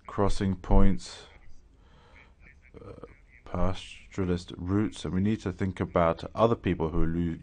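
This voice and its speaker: A man with a very low voice works as a conference interpreter, rendering a speaker's remarks into English. His delivery is measured and halting, full of small pauses and restarts as he keeps pace with the speaker. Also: darkish tone.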